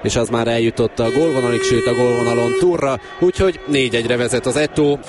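A man's voice: mid-range voice, fairly even intonation. A man recapping football action as Hungarian sports commentary. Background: loud music.

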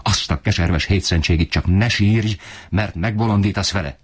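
A man voicing an enraged, desperate poor father who shouts in fury. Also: on the low side, big pitch swings, slightly rough, voice pushed up, full character voice. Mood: raging. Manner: shouting, raging.

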